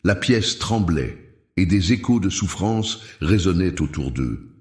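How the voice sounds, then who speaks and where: A man tells a suspenseful story in a slow, dramatic manner. His voice is very deep, and the recording has a roomy echo. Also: lively intonation, darkish tone. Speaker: narrator. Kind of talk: dramatic scripted narration.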